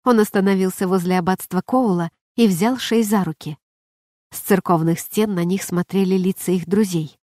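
A woman narrating an audiobook in an even, measured reading voice. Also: mid-range voice, no room sound, clean studio sound. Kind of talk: scripted narration.

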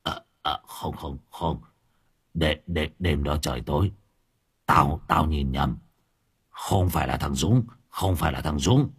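A man voicing a frightened old village man who stammers low and quietly. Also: measured pace, breathy edge, full character voice. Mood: terrified.

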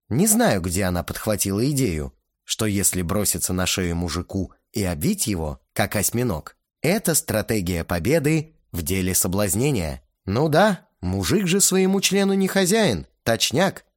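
A male audiobook narrator telling a first-person story with wry, sardonic asides. His pitch rises and falls animatedly, and the recording is dry and close. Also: very animated, normal speed, no echo.

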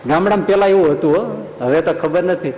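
A man's voice: fairly high pitch, a little fast, a little mellow, a little hiss or hum. A man as a swami telling a story in a sermon, folksy and acting out the people in it. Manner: folksy, acts out voices in the story. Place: temple school hall. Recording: echoey hall with long reverb.

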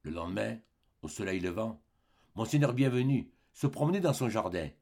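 A man reading a classic novel aloud as an audiobook, with measured, expressive storytelling. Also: on the low side, creaky. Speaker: audiobook reader. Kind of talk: literary audiobook narration.

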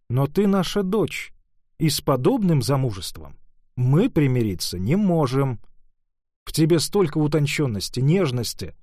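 A man voicing a proper middle-aged mother who lectures her daughter in a measured, disapproving way. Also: medium pitch, darkish tone, dry recording, clean studio sound, natural voice.

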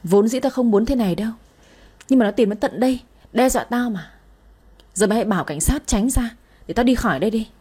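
A woman voicing a menacing gangster man who threatens and shouts at his captives. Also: a little high, fast talker, pauses often, husky. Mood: threatening.

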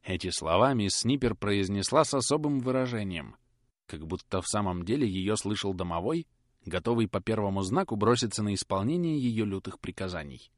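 Male narrator, lively intonation, dry close recording. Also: fairly low pitch, fairly quick, dry recording. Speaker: audiobook reader. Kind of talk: literary audiobook narration.

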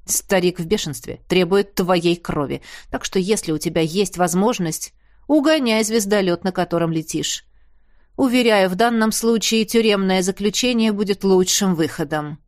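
A woman's voice: medium pitch, normal speed, no room sound, close to an everyday voice. A woman voicing a gloomy male colleague in an audiobook, tense and groaning. He warns bluntly, in a dry close read.

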